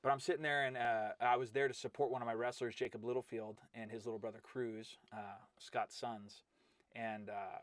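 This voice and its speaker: With a mid-range voice at normal speed and no echo, a middle-aged man who coaches wrestling spins stories during a laid-back interview. He brings them to life by acting out quotes, calling his listener "bro" and asking "right?".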